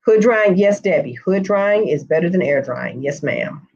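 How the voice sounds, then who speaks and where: A woman's voice: fairly low pitch, lively intonation, normal speed, a little mellow, slightly rough, lo-fi sound. A woman hair stylist teaching a live online course, chatting with viewers by name and answering their comments. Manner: chatty, addresses viewers by name, says y'all.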